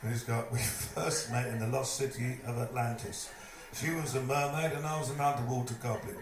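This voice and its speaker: A man's voice: mid-range voice, fairly quick. Man telling a story in an echoey room. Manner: lively, mimics other people's voices while telling a story. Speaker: storyteller at a live evening event. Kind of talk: anecdotal stage storytelling. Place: live event venue, indoors. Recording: echoey room, distant mic, noisy.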